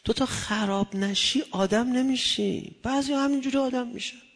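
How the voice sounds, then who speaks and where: A man preaching a religious sermon, shifting between hushed murmurs and loud impassioned cries. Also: extremely high pitch, long reverb tail.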